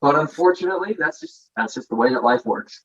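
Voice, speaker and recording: A man's voice: a little high, expressive, a little fast, a bit bright. A man in his thirties, a guest in a casual interview, explaining things confidently with lots of figures. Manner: confident, explanatory, numbers-focused. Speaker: guest investor. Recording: dull lo-fi audio.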